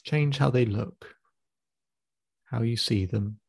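A man with a gravelly, mellow voice leads a guided visualization as a therapist. He speaks slowly and calmly, giving step-by-step cues and counting the listener in. The sound is close and dry. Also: medium pitch, no echo. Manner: slow, calm, instructive pacing with counted cues. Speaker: therapist guiding a client.

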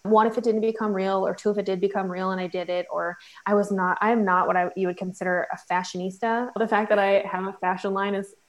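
A woman's voice: mid-range voice, level tone, quick pace, hardly any pauses, low-quality recording. A woman in her forties, a fashion entrepreneur, chatting candidly and self-deprecatingly as an interview guest. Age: 40s.

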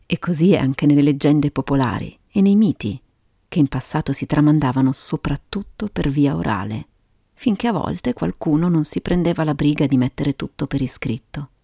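Low, creaky-voiced woman storyteller. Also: normal speed, dark tone, no room sound, clean studio sound. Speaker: host and narrator of a storytelling show. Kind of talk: scripted storytelling narration. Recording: music behind the voice.

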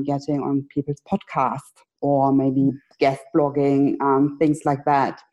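A woman from Austria, a sales coach, answering interview questions hesitantly with many pauses. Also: low voice, dark tone, muffled recording. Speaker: sales coach, podcast guest.

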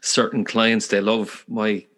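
A man with a Galway accent from the west of Ireland interviews a guest. His voice sits fairly low. He talks conversationally, choosing his words with thought and care. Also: flat delivery, slow pace, fairly bright tone. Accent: Galway Irish. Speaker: podcast host, interviewer.

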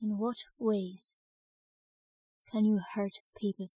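A woman's voice: medium pitch, fairly even intonation, slow, dark tone, husky, no room sound. A woman playing a tabletop game casually, talking bluntly with swearing and laughter. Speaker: player.

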